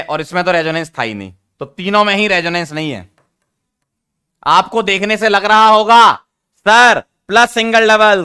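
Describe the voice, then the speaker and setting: A man teaching an online chemistry lesson, teasing his students and repeating key rules slowly for emphasis. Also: sits high, pushed and bright, smooth. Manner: teasing, addresses students as beta.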